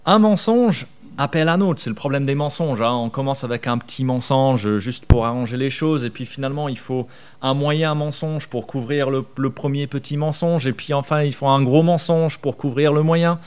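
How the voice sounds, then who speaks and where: A pastor delivers a sermon in a conversational style, posing rhetorical questions to his listeners and acting out his own worries in whispers. His voice is medium-pitched, slightly mellow and smooth, at a moderate pace.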